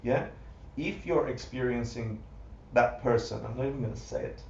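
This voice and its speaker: A man teaching a Buddhist class live to an audience, animated, full of rhetorical questions and often laughing. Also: medium pitch, normal speed, a little hiss or hum. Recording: roomy, distant, muffled livestream audio.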